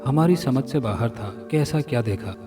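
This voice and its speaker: A man reading a scripted horror story dramatically, sounding a little far from the mic over loud music. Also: mid-range voice, expressive, normal speed. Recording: narration from a distance with loud music.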